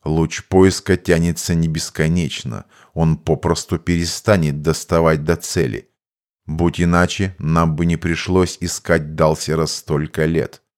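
A cryptic male mage speaks in a deep, slow, measured way, every word matter-of-fact, as a man reads him in an audiobook. The voice sits well below the narrator's. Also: fairly even intonation. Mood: explaining. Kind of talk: audiobook character voice.

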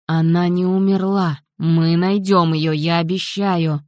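A woman narrator voicing a strained husband who keeps his voice low and restrained. His pleading comes slow and careful, close and dry. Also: steady tone, darkish tone, no room sound. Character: anxious husband, controlled and pleading. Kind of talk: audiobook character voicing.

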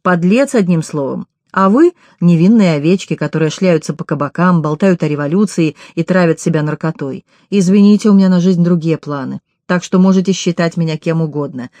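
A stern, weary young man speaks with curt, cold contempt, as a woman reading an audiobook voices him. The voice is dark and mellow, with no liveliness in it. The recording is close and dry, without any room sound. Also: on the low side, a little fast, few pauses, no room sound, close to an everyday voice. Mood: cold, contemptuous.

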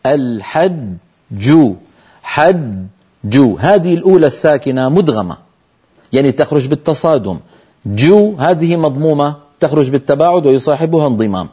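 Male tajweed teacher, scholarly and hesitant with fillers, drawn-out recited examples, dark timbre. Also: on the high side, animated, slightly rough, dull audio. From Syria. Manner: explains slowly, then recites example words drawn out. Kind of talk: televised tajweed lesson.

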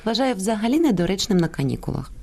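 A woman co-hosting a radio program, reading scripted banter in a playful, lively way. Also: medium pitch, quick pace, creaky. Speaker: radio co-host.

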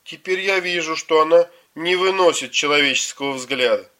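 A man voicing a small boy who wants to be a tamer, speaking in a high, earnest childlike voice. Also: moderate pace, pushed and bright.

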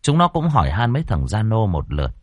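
Low-voiced, lively male horror storyteller. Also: fast talker, no room sound. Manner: expressive, animated storytelling. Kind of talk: scripted horror story narration.

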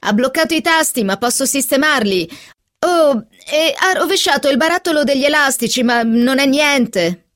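Brief: woman reader doing a young woman calling out reassuringly, pitched high, storybook reading. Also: animated, moderate pace, fairly bright tone, no echo, clean studio sound.

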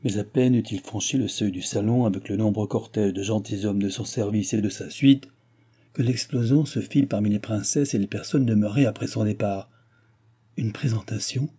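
A man reading a classic novel aloud as the narrator, in a measured, even storytelling delivery. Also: on the low side, slightly rough. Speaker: audiobook reader.

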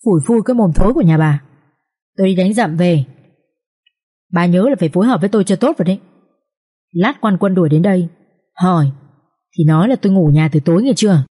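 A woman's voice: on the low side, expressive, fast talker, long pauses, dark tone, breathy edge. A woman reading an audiobook voices a crafty, coarse village thief who bosses his wife around in crude, brash banter. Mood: bossy.

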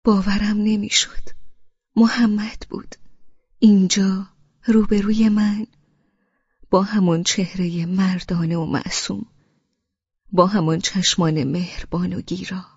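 Hushed, breathy woman narrating an audiobook. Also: medium pitch, fairly even intonation, long pauses, dry recording, dull audio. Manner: hushed, intimate, half-whispered. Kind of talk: first-person audiobook narration.

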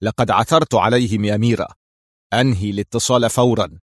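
A man's voice: on the low side, brisk, no echo, clean studio sound, lightly acted. A man doing a ruthless squad commander. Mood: harsh commanding. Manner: harsh, commanding.

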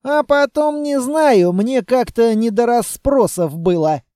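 Guy reading an audiobook doing a rough bossy wiry dude, gruff slangy mocking, dark dry sound. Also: sits high, animated, slow, no echo. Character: brash wiry adult male scavenger, bossy and mocking. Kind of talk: audiobook character voice.

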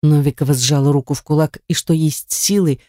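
Female audiobook narrator, measured delivery, warm dark timbre, dry studio. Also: deep voice, steady tone, no echo.

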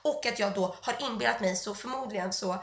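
A woman hosting a podcast in casual chat. She has a croaky, stuffy-nosed voice and tells stories animatedly, full of quoted dialogue. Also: medium pitch, reverberant. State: stuffy nose. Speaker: podcast host.

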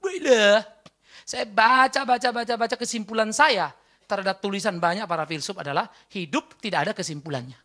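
A woman preaching a church sermon, firing rhetorical questions at the congregation and breaking into emphatic exclamations, swinging between loud and hushed. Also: medium pitch, fairly quick.

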